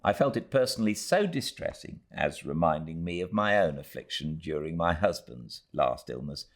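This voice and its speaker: With a very deep voice, a man from Britain performs an audiobook of a classic novel, his delivery expressive yet measured.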